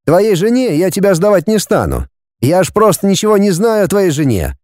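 A man's voice: high-pitched, huge pitch swings, moderate pace, darkish tone, no echo, studio quality, pitched above the performer's own voice. A man voicing a good-natured young man turned cruel blackmailer, purring one moment and cold the next. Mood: mocking, menacing. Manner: cheerfully menacing, purring then cold. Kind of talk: audiobook character voice.

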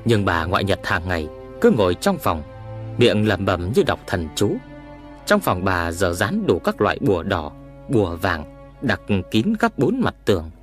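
A man narrating a horror story in a dramatic, expressive reading. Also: low-pitched, normal speed, faint music behind.

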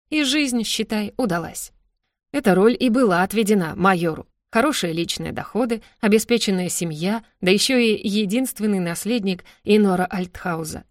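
A woman reading a first-person novel aloud in a measured, ironic manner. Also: mid-range voice, no echo, studio quality. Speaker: audiobook narrator.

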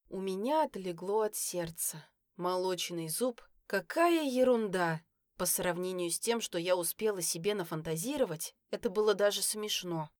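A woman narrating a first-person family story in an expressive, lively reading style. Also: mid-range voice, dry recording. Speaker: audiobook reader. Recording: dry close recording.

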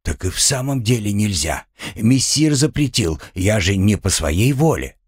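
Man playing a timid servant guy, fussy and deferential, raised lively voice, dry sound. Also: lowish voice, unhurried, breathy edge, dry recording, full character voice. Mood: meek deferential. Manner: meek, servile, slightly sly. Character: timid simple male orderly, deferential.

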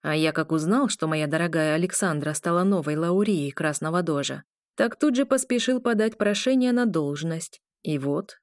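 A woman's voice: low-pitched, lively intonation, moderate pace, no room sound, clean studio sound. A woman doing a smug, cocky legate man. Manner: boastful and sly.

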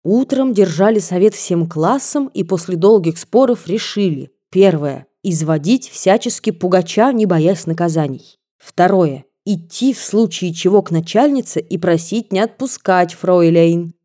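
Mellow-voiced woman reading a novel. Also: on the low side, lively intonation, a little slow, hardly any pauses. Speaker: audiobook narrator. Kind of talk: reading a classic novel aloud.

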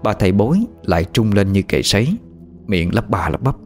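A man with a low, lively voice tells a ghost story in the first person, measured and expressive. Faint music sits under his narration throughout.

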